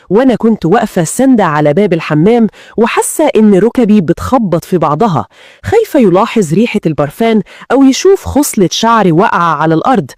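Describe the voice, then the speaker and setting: Fast-talking woman narrating a tense story. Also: medium pitch, darkish tone, no room sound, clean studio sound. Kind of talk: first-person story narration.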